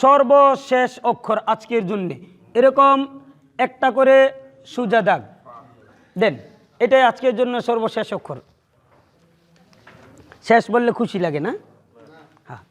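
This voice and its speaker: A man's voice: very high-pitched, slow, pauses often, a bit bright. A man teaching a class, coaxing his students to repeat letters after him and praising their tries. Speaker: Quran teacher. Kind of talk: classroom lesson with call-and-response drills. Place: classroom with a board.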